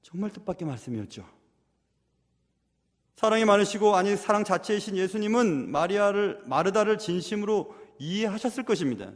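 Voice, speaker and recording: A man's voice: sits high, expressive, brisk. A male pastor delivering an earnest sermon to his congregation, posing rhetorical questions to them. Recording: echoey hall reverb.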